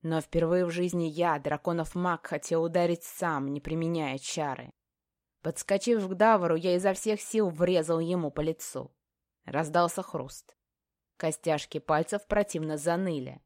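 A woman's voice: deep voice, moderate pace, darkish tone, dry recording. A woman narrating a first-person fantasy audiobook in a tense, dramatic storytelling manner, close to the mic.

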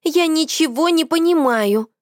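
A woman doing a high gushing girl Tanyusik. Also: a little slow, no room sound, clean studio sound. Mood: near tears. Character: excitable young woman friend Tanyusik.

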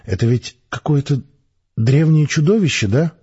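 A man voicing a meek, adoring young woman soldier who is dazed and halting after an injury. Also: a little high, dark tone, slightly rough, muffled recording, voice pushed up. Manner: halting, breathless, girlish.

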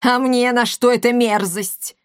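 Woman doing a loud bossy commandant lady, yelling at kids, storybook voice, dry close sound. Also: a little high, measured pace, dry recording, voice pushed up, lightly acted. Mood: scolding. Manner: shouting, scolding. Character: bossy, hot-tempered big woman commandant.

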